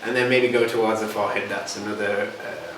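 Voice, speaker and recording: Recorded from a distance in a noisy, echoing room, this man teaches hypnotherapy casually and answers questions in a loose, halting way. He speaks fairly quickly with a fairly low, slightly bright voice and fairly even intonation.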